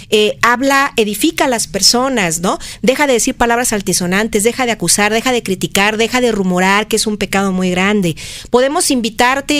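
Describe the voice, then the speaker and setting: A woman, a motivational speaker on a radio show, preaching with many rhetorical questions and a pace that swings between fast and slow. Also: fairly high pitch, no echo. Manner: expressive, switching between fast and slow delivery. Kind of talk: radio conversation.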